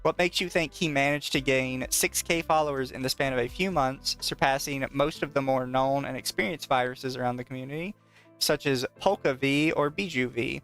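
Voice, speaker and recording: A podcast co-host with a medium-pitched voice talks at a normal speed in casual chat. He tends to read things aloud in a mocking, profane manner and laughs easily, with soft background music behind him.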